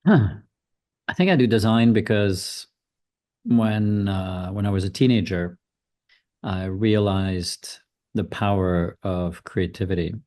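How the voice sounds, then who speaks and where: Slow, dark-voiced man in his fifties. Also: lowish voice. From Switzerland. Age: 50s. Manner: thoughtful, hesitant, many ums and restarts. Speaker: guest designer. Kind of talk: casual interview answers.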